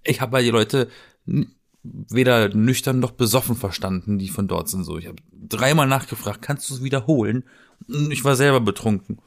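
Chatty man, halting casual talk. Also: mid-range voice, gravelly. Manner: chatty, halting, restarts sentences. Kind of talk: casual chat.

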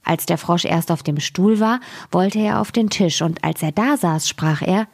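A woman reading a fairy tale aloud as a storyteller, in a measured and expressive way. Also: lowish voice.

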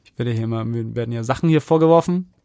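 A man's voice: mid-range voice, no echo, clean studio sound. A man co-hosting a podcast, animatedly telling an anecdote in a casual chat with lots of fillers. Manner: animated storyteller, rapid with many fillers. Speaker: podcast co-host.

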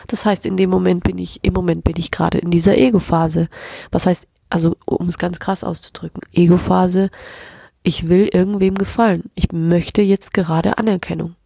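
A woman records a reflective solo podcast episode, speaking openly and emotionally about what is going on inside her. Her voice sits low and gravelly with a husky, breathy edge, and her nose is a bit stuffy from crying. The sound is dry and close, with warm, mellow tone. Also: fairly even intonation, normal speed, no echo. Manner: open, emotional, self-reflective, drifting into soft whispers. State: teary, slightly stuffy nose. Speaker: podcast host. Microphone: plug-in microphone, close.

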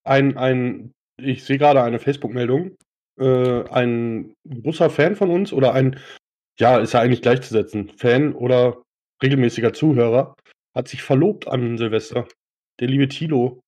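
A male podcast host with a rough, husky voice at an average pitch. He chats casually and spins anecdotes in a joking, colloquial manner. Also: normal speed, a little mellow.

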